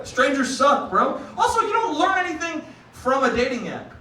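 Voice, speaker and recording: A man's voice: very high-pitched, very animated, normal speed, pushed and bright. A young man performing a stand-up comedy set, talking casually, swearing and calling the crowd dude and bro. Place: comedy club stage before a laughing crowd. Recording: roomy live club sound from a distance.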